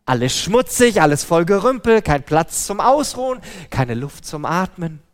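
A man putting on a shrill flustered woman. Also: very animated, moderate pace, in a large hall. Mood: horrified. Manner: shrill, exclaiming. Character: flustered woman frantically cleaning house for a guest.

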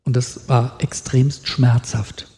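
Speaking slowly in a mellow, medium-pitched voice with little pitch movement, a middle-aged preacher reads scripture with growing emotion and questions his congregation. The sound rings with the long reverb of a church hall.

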